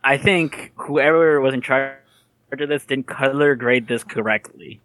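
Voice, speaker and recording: A young man co-hosting a podcast, recapping casually with halting restarts and blunt swearing. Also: medium pitch, a bit bright, no room sound. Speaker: podcast co-host. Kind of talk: casual anime recap chat.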